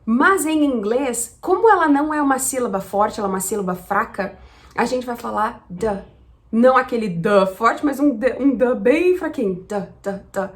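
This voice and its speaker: A woman's voice: a little high, lively intonation, normal speed. A woman from Brazil teaching pronunciation, patiently spelling out sounds one at a time. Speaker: English teacher. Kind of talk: explanatory lesson.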